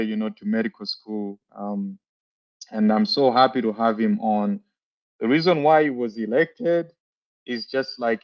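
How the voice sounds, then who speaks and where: A man with a lowish voice hosts a podcast over a video call, and the audio sounds dull. Warm-spoken and rambling, he asks long interview questions stuffed with fillers.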